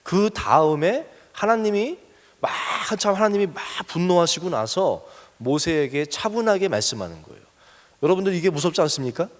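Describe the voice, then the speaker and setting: A man's voice: expressive, moderate pace, big-room sound. A man preaching a sermon as pastor, earnestly questioning his congregation and building in force as he urges them on. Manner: earnest, asks the congregation questions, rises in pitch and force when urging.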